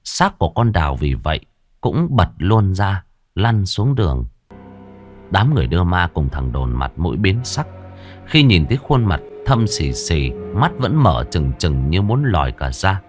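A man narrating a village ghost story in a dramatic, expressive way. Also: sits low, measured pace, faint music behind. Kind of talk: scripted horror story narration.

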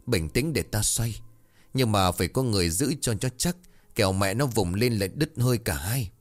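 A man voicing a stern, scolding old village midwife woman with a shrill voice, in a told horror story. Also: expressive, moderate pace, close to an everyday voice. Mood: grave.

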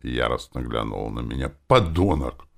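Deep, gravelly male narrator. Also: sing-song, normal speed. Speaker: audiobook narrator. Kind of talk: scripted narration.

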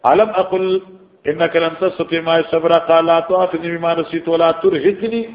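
A man's voice: fairly high pitch, little pitch movement. Pakistani man giving a roomy lecture. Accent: Pakistani Urdu. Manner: explains Arabic text line by line in Urdu, with storytelling asides. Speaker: hadith teacher. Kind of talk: classroom lecture on scripture. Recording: roomy, dull lo-fi recording.

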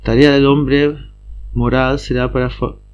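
A man reading lecture notes aloud at a steady pace, often stumbling and restarting words. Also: mid-range voice, measured pace, clear, resonant tone. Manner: reads steadily with frequent slips and restarts. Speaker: reader of study notes. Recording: slightly dull lo-fi recording.

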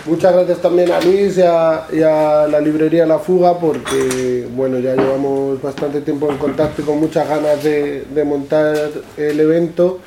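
Halting Manchegan man giving a talk. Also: a little high, level tone, mellow, slight background noise. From La Mancha, Spain. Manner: halting, repeats words and adds "¿no?" often. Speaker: author presenting his books. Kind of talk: public talk. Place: event room with an audience. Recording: echoey room.

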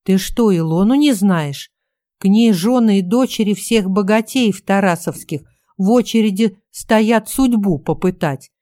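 Casting: a woman doing a cornered, whiny male photographer, mellow, dry voice. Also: medium pitch, unhurried, dry recording, natural voice. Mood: indignant. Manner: whining, sputtering complaints.

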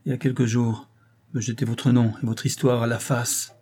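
A man's voice: mid-range voice, little pitch movement, moderate pace, mellow, husky, natural voice. A man voicing a stern, wounded husband who argues with severe emphasis.

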